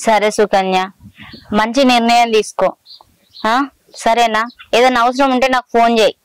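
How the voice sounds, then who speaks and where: A woman's voice: a little high, fairly even intonation, moderate pace, clean tone, dry recording, close to an everyday voice, rough recording. A woman playing an elder-sister neighbor who lectures a troubled wife insistently, with a Telangana Telugu accent. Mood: lecturing. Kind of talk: village short film drama.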